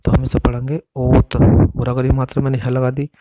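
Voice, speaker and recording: Flat-voiced man teaching shorthand. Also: mid-range voice, dry recording. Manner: patient, explains each stroke slowly and repeats readings. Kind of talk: step-by-step classroom instruction.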